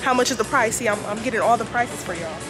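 The young woman's fairly high voice races along as music plays behind her. She's a vlogger filming herself shopping in a busy indoor clothing store and grocery store, chatting casually and playfully with plenty of slang, the handheld camera held out at arm's length.

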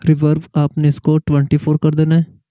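Man, slightly high voice, monotone, slow step-by-step keyboard lesson, muffled lo-fi audio. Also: no room sound. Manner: explains slowly, reading out settings one by one. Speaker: keyboard tutorial host. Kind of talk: casual step-by-step tutorial.

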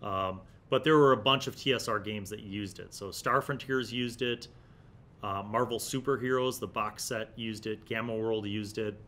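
With fairly even intonation, a normal pace, and a pushed, bright voice, this middle-aged man hosts an old-gaming series, offering a casual, nostalgic review as conversational vlog commentary. He uses a desktop condenser microphone in a small indoor studio room, where background noise and a low rumble come through clearly.

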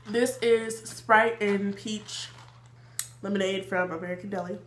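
A woman's voice: medium pitch, fairly even intonation, a little slow, echoey room, a little hiss or hum. A 21-year-old woman chatting casually while eating for a mukbang vlog, with lots of fillers. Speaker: mukbang vlogger.

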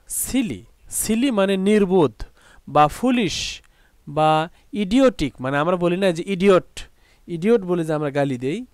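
A man with a Bangladeshi accent teaching an English lesson, patiently repeating each word several ways and slowly reading out example sentences. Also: fairly high pitch, clean tone, no room sound. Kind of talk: classroom lesson explaining vocabulary.

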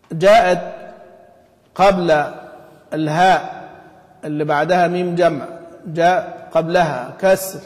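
Man, recitation teacher, tinged speech, quizzes students, stretches example words, reverberant hall. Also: sits high. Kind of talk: explaining a classical text to students. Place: mosque study hall.

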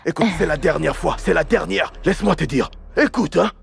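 A man dubbing a cocky young man who loudly rejects his lover in a film drama. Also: a little high, fairly quick, vocal fry, breathy edge, soft background music, exaggerated voice. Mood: contemptuous. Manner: contemptuous and loud.

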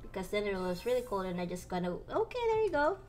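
A woman in her thirties, a native Tagalog speaker, chats casually on a live stream from a room at home, giggly and self-mocking. Her mid-range, slightly mellow voice is very animated and quick, captured on a headset with webcam framing.

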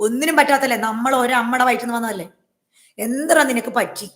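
Fast, emphatic woman vlogger in an echoey room. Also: fairly high pitch, a bit bright. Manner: emphatic, repetitive, aggrieved. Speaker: YouTuber. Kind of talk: personal vlog monologue to viewers.

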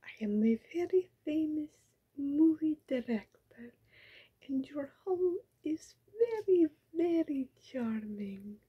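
A young female ASMR creator whispers softly in a high, expressive voice, speaking slowly through dull audio. Framed close by a webcam in a small bedroom with a pink backdrop, she plays a scheming female vampire in silly disguises, pleading in a wheedling way in broken, formal English.

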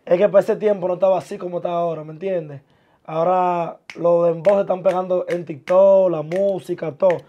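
A young man, a guest chatting casually and laid-back in a small studio, full of street slang and trailing off softly. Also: high-pitched, fairly even intonation, brisk, highs cut off. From born in the US, of Dominican parents. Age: young adult. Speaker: guest, musician and TikToker. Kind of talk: casual interview talk. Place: small indoor studio with sofa chairs.

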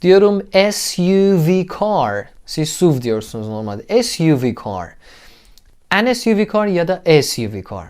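A man's voice: on the high side, very animated, unhurried, darkish tone, clean tone. A man teaching an English lesson in a casual, explanatory way, repeating sounds aloud for drill and asking viewers questions before praising them.

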